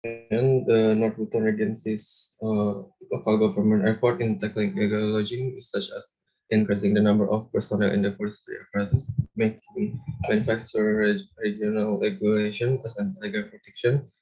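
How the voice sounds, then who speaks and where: A young man with a low, mellow voice reads a case study aloud to his class. He speaks English as a second language, his first being Indonesian, and stumbles over words and repeats himself as he goes. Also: level tone, rough recording. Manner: halting reading with stumbles and repeats. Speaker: student presenter. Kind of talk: reading a class presentation.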